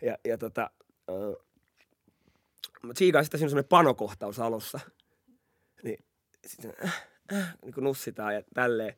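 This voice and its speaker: A man's voice: mid-range voice, pauses often, dry recording, studio quality. A young man telling a story on a podcast, laughing and acting out what people said. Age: young adult. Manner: animated, laughing, acts out quotes. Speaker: podcast host. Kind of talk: casual storytelling chat.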